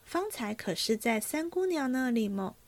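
A woman voicing a calm, sensible senior maid who speaks softly and with measured care. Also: sits high. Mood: gentle.

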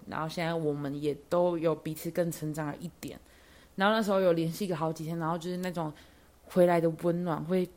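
Low-pitched young woman telling a story. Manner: chatty, lots of fillers, animated when excited. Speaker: podcast host. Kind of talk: casual personal storytelling.

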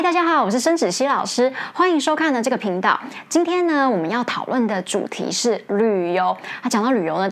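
A woman teacher, hosting an English lesson in a chatty, casual way, often laughing and jumping up in pitch to stress points.

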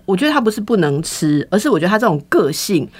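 A woman telling a personal story in casual podcast chat, candid and animated, acting out the quoted lines. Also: mid-range voice, quick pace, slightly rough.

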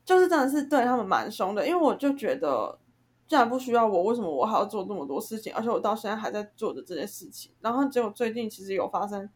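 A woman's voice: mid-range voice, quick pace, slightly rough. A young woman, co-hosting a casual chat and ranting heatedly about a group conflict. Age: young adult. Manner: heated, ranting, animated storytelling. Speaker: podcast co-host.

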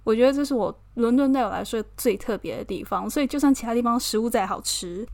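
Chatty Taiwanese woman, bright higher voice. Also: fast talker, vocal fry. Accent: Taiwanese Mandarin. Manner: chatty and expressive, laughs often. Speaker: podcast host, model. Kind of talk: casual personal chat.

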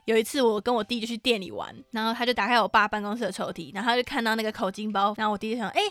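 A young woman with a Taiwanese Mandarin accent co-hosting a podcast. She chats casually, laughs often and drops swear words while telling animated stories. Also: fairly high pitch, rapid-fire, no echo, faint music behind. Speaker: podcast co-host. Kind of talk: casual chat.

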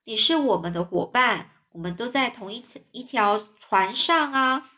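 A woman voicing a kind, motherly ladybird who speaks gently and reassuringly in a storybook reading. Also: a little high, lively intonation, normal speed. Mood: gentle.

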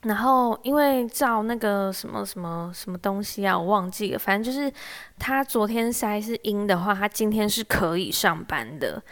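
A young woman, telling a story in a casual monologue. Her voice sits at an ordinary middle pitch. She sounds wry and exasperated, and she acts out the lines of the people in her story. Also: normal speed. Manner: animated, wry and exasperated, acts out quoted speech. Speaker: office worker telling a story.

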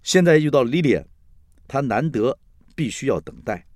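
A man, telling a comic story in a chatty, playful way with lively asides. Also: medium pitch, normal speed, no room sound, studio quality. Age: 60s. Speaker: storyteller host.

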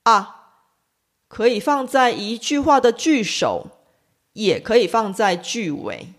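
Very slow, careful female language teacher. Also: fairly high pitch, big pitch swings. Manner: deliberate, clearly enunciated teaching delivery. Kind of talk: explaining pronunciation in a language lesson.

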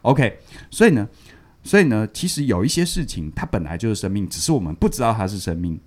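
Podcast co-host, man; low, animated delivery, storytelling. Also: fast talker. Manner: animated, repeats words, laughs while telling. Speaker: podcast co-host reviewing a book. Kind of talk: casual storytelling chat.

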